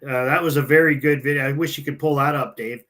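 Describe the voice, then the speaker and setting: A man co-hosting a casual political podcast, talking in halting phrases full of fillers. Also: mid-range voice, fairly even intonation, fairly bright tone. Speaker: podcast co-host.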